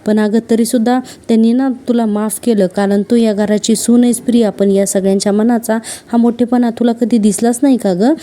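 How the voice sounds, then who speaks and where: A woman's voice: fairly high pitch, flat delivery, a little fast, mellow, close to an everyday voice. A woman reading the lines of a young woman accusing a relative. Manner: accusing, insistent. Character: sharp-tongued young woman confronting a relative.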